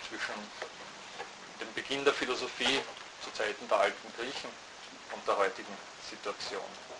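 Hesitant male lecturer in noisy hall. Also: mid-range voice. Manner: thoughtful, halting, with many restarts. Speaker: university lecturer. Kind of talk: university lecture.

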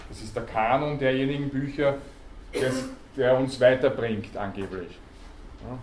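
A man's voice: mid-range voice, measured pace, darkish tone. Man lecturing in an echoey hall. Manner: explains patiently, quizzes the class, many hesitation sounds. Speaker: university lecturer. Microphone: student recording from the audience. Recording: echoey hall, faint background noise.

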